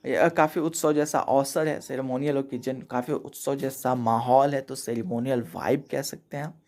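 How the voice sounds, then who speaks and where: A man's voice: medium pitch, gravelly, a little mellow. A man from India giving a casual, chatty vocabulary lesson over slides, explaining each word and checking in with "theek hai" after every point. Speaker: English teacher.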